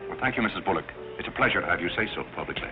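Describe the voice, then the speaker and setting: An actor playing an unflappable, courteous butler in 1930s film screwball comedy banter, deadpan and formally polite. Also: male voice, low voice, very fast, over music. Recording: tinny narrow 1930s film soundtrack.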